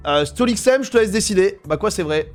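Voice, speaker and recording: A man's voice: sits high, lively intonation, brisk, soft background music. A man with a French accent, streaming live, mocking and bluntly judging his chat in casual, crude talk.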